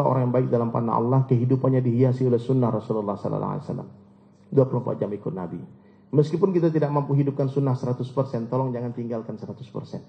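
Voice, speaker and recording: Lively, humorous male preacher in an echoey hall. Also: mid-range voice, vocal fry. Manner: lively, humorous, often addresses listeners as "Pak". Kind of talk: sermon. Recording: echoey hall, dull lo-fi sound.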